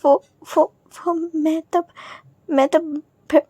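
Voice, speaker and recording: A woman doing a pleading young man, stammering, tearful, high voice, mellow tone. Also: steady tone, slow, no room sound.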